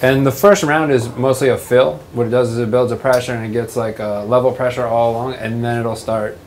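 A man's voice: mid-range voice, steady tone, brisk, a little mellow, slight background noise. A man from the spa staff, explaining how each treatment works in a plain, instructive way.

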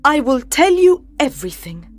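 A woman voicing a proud young wife and mother who pleads with feeling, in an audiobook drama with soft music behind. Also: medium pitch, expressive, a little slow. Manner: pleading, emotional delivery.

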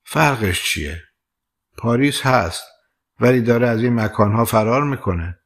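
A caring young woman friend who sounds heartfelt and concerned, as a male reader voices her. She speaks at a plain middle pitch in a storybook reading. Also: animated.

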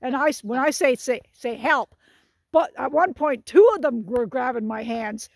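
On a group hike up a hilltop trail, a sixties-aged woman holds her phone and talks casually to the camera. Her voice is high with some vocal fry and a slightly dark tone, at normal speed, and she keeps joking and laughing.

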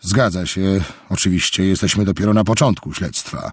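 A man's voice: low-pitched, moderate pace, slightly rough, no room sound, clean studio sound. A man voicing a cornered, irritated male executive who answers curtly, in an audiobook reading. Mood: guarded.

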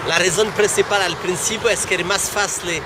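Portuguese guy, fairly high voice, halting, keeps restarting, street noise. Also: fairly even intonation. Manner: halting, searches for words, many restarts. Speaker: guest. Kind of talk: casual chat. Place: city street outdoors. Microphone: handheld camera close up.

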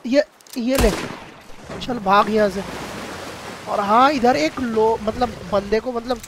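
A high-voiced man with a Hindi-speaking Indian accent commentates his gameplay live, excitable and chatty as he calls out to viewers. Game sounds and ambience run clearly behind him. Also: slow, noisy background. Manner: excitable, addresses viewers as guys.

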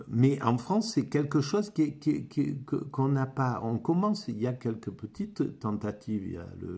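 A man rambling through a philosophy monologue, halting often and repeating words as he searches for them. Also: fairly low pitch, creaky, darkish tone, husky. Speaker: amateur philosophy vlogger.

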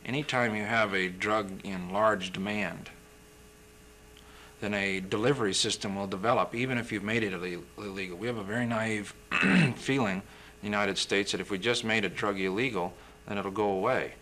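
Deep-voiced young man explaining calmly. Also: slight background noise. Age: young adult. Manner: measured, explanatory, occasional throat-clearing. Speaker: physician guest. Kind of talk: interview answers. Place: TV studio.

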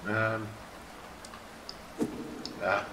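A man's voice: lowish voice, little pitch movement, drawn-out words, sharp tone, reverberant, a little hiss or hum, rough recording. A man giving casual gameplay commentary, muttering and grumbling dryly to himself.

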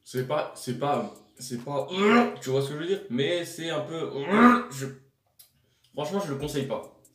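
A man's voice: on the high side, normal speed. A young man, a casual food vlogger, talking bluntly with slang while chewing a mouthful. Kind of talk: casual taste-test vlog. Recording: echoey room with faint music.

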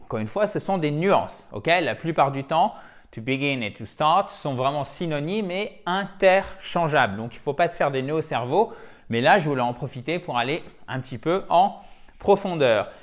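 A man's voice: a little high, animated, normal speed. A man teaching an English grammar point in a video lesson, explaining patiently and checking in often with his viewers.

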